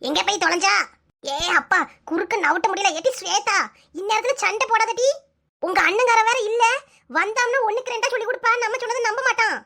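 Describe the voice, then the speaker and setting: A woman's voice: very high-pitched, a little fast, vocal fry, sharp tone, heavily acted. A woman doing a scolding old mother-in-law. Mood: pleading. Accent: Kanyakumari Tamil. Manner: nagging, scolding, bossy. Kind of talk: comic cartoon voice acting.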